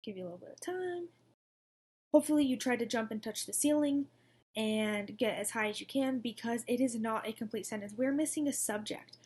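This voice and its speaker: A woman's voice: fairly high pitch, dark tone, slightly rough. Upbeat woman teaching young kids. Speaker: second grade teacher. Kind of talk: recorded distance-learning lesson.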